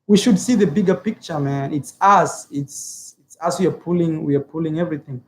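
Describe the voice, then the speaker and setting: High-pitched man, from Africa, casual vlog, earnest, repetitive, filler-heavy. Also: a little fast. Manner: earnest, repeats phrases, many filler words. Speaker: YouTuber. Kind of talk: casual opinion vlog, reading viewer comments.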